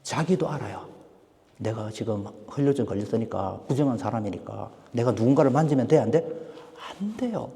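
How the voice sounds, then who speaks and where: Animated Korean pastor preaching in a reverberant hall. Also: male voice, medium pitch, brisk, creaky. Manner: animated preaching, asks the congregation questions. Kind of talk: sermon. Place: church sanctuary.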